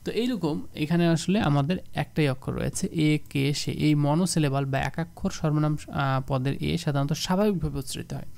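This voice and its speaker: Young man, from Bangladesh, exam tutor, gravelly, slightly high voice, casual lecture, rhetorical questions. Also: darkish tone. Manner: explains step by step, repeats examples slowly, asks rhetorical questions.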